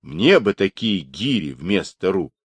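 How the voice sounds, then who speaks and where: A man's voice: low voice, big pitch swings, unhurried, husky, dry recording, exaggerated voice. A man reading the part of a Cossack army clerk who marvels at a stranger and questions him for the records. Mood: amazed, questioning. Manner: wondering, questioning.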